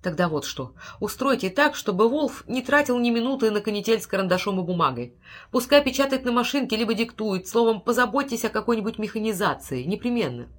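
Hear a frail old man in an audiobook, his voice pitched high and pressing hard with breathless urgency. A woman narrator puts him on. He pleads quickly, the words tumbling out. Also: expressive. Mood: pleading. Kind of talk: audiobook character voice.

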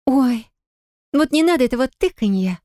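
A woman voicing a capricious, greedy young wife in an audiobook, high and squealing. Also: fast, mellow, dry recording, clean studio sound, close to an everyday voice. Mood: wheedling. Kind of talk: audiobook character voice.

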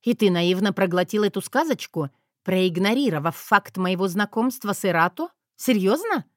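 A woman voicing a sharp-tongued, defiant young heroine. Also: mid-range voice, lively intonation, normal speed, no room sound, clean studio sound, natural voice. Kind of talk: audiobook character voice.

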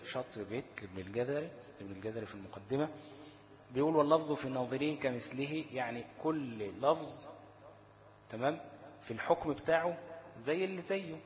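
A man with an Egyptian Arabic accent teaching a tajweed lesson. He keeps asking rhetorical questions, answers them himself, and slows down to chant short recited examples. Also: medium pitch, long reverb tail, poor audio.

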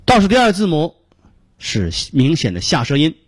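A man teaching English letter pronunciation on a radio lesson, explaining in short steps and modelling each sound slowly. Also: on the high side, huge pitch swings, breathy edge, no room sound, clean studio sound. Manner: frequent filler particles between phrases.

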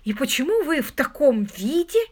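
Woman putting on a prim older spinster, fussy, breathless, high and lively, audiobook voice. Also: normal speed. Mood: eager, alarmed.

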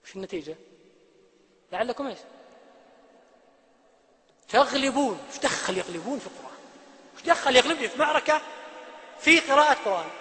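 Brief: male preacher, quick and bright, sermon in a reverberant hall. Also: very high-pitched. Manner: animated, swings from loud emphatic to hushed.

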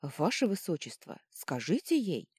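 A woman's voice: fairly low pitch, very animated, measured pace, a little mellow, husky, dry recording, studio quality, full character voice. A woman voicing a flustered, indignant male court secretary in an audiobook reading. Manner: indignant, bewildered.

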